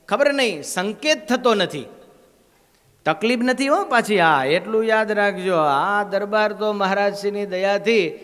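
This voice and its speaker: A man's voice: high voice, a bit bright. A man giving a temple sermon as a swami, telling stories in a conversational way and asking the crowd questions. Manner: conversational storytelling, asks the crowd "હા?". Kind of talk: devotional sermon. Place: temple gathering. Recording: long hall reverb.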